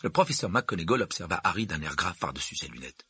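Man reading a story, raspy and bright. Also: sits low, fast talker, no room sound. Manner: expressive, does character voices. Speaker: audiobook reader. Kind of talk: scripted story narration.

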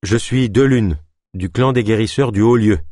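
A calm, even-voiced young healer of about twenty, as a male audiobook reader plays him. He speaks steadily and without hurry, the tone low and dry in a close, quiet read. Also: moderate pace, no room sound, lightly acted.

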